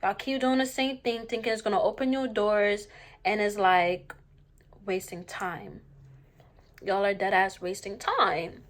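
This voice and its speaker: A woman's voice: mid-range voice, fairly even intonation, unhurried. A young woman in a casual opinion monologue to viewers during a mukbang, slangy and emphatic, repeating phrases to drive points home. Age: young adult. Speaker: vlogger.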